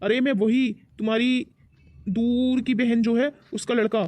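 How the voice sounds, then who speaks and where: A woman voicing a polite young male college student in a cartoon, pushing her voice down into a deep, boyish register. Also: fairly even intonation, moderate pace, a little mellow, lightly acted. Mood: friendly. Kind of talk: cartoon voice acting.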